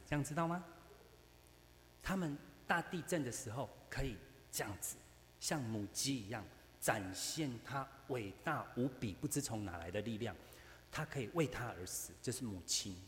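A man teaching a Bible class to women, joking and constantly asking the class rhetorical questions. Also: medium pitch. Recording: echoey hall with faint hum.

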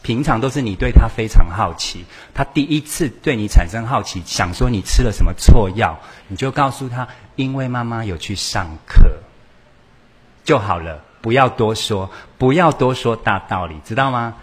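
A man's voice: mid-range voice, normal speed, hardly any pauses, husky. A man giving a humorous church lecture, telling stories with acted dialogue. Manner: lively storytelling with acted dialogue. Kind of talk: humorous sermon-style lecture.

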